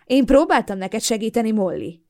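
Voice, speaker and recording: A woman's voice: mid-range voice, big pitch swings, darkish tone, no room sound, studio quality, lightly acted. A woman reading an audiobook, voicing a smug, manipulative young man who talks down to his girlfriend. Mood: condescending. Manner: patronizing, mocking.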